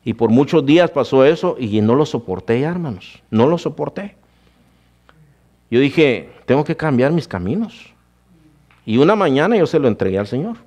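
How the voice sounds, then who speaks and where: A man's voice: medium pitch, big pitch swings, normal speed, darkish tone, lo-fi sound. A man preaching a sermon, telling his own testimony and calling his listeners brother. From Guatemala. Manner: addresses listeners as brother, storytelling.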